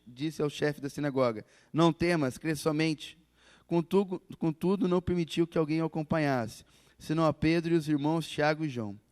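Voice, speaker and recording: A man preaching a sermon in a church, telling the story with animated delivery and acting out the quoted voices. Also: high voice, no echo, long reverb tail.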